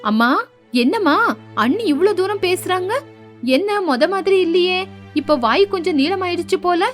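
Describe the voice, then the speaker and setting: Woman doing a spoiled whiny young daughter, sly, high and bright, cartoon story. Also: lively intonation, normal speed, soft background music. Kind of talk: animated storybook voice acting.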